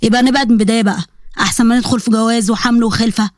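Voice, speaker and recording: A woman playing a strict middle-aged father, stern and commanding in an Egyptian accent. He fires off orders very quickly in a fairly high voice. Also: steady tone, no echo, clean studio sound, close to an everyday voice.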